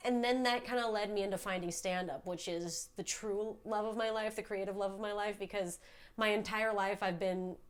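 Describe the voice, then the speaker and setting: Woman, comedian and writer, podcast guest, chatty, lots of filler words, mid-pitched voice. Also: steady tone, moderate pace. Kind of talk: casual podcast conversation.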